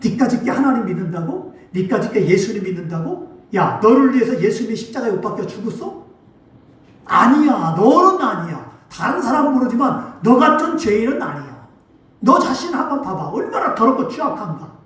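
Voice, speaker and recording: A scornful, goading devil , as a male preacher puts him on, hisses accusations in a high voice. The sound is very echoey, as if in a large hall. The mic sits well away from him. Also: sing-song, fairly quick, a bit bright, recorded from a distance, full character voice. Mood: sneering.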